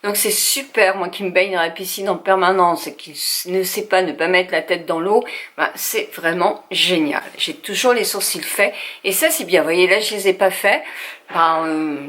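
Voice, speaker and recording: A woman's voice: on the low side, normal speed, fairly bright tone. An older woman from France chatting through a makeup tutorial at home, talking straight to her viewers with frequent hesitations. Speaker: beauty vlogger.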